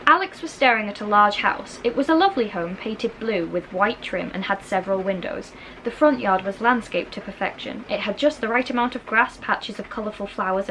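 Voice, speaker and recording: A woman narrates a children's story from a novel in a medium-pitched voice that sounds pushed and bright. Rain can be heard throughout the noisy recording.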